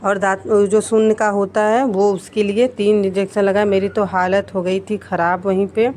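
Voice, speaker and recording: A woman in her thirties, a vlogger and mother, narrating her day in a soft, unhurried way. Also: mid-range voice, level tone, slight background noise. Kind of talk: casual vlog narration.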